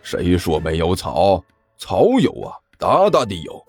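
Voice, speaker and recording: A low, gravelly old master, as a male storyteller puts him on, slow and drawn-out as he coaxes and soothes his hotheaded disciple. His rough, deep tone rides over faint background music in a storybook reading. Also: sing-song, a little mellow, full character voice. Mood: coaxing. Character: older male sect master, sly and coaxing. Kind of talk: storytelling narration with character voices.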